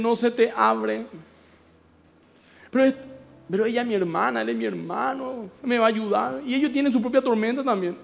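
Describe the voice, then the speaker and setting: A man with a Paraguayan Spanish accent, a pastor preaching a sermon with animated storytelling and acted-out voices. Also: very high voice, vocal fry, long reverb tail.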